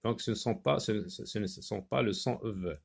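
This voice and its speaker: A man's voice: lowish voice, creaky, breathy edge. A man teaching a phonics lesson, patiently repeating words and spelling them out letter by letter. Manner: slow, deliberate word repetition.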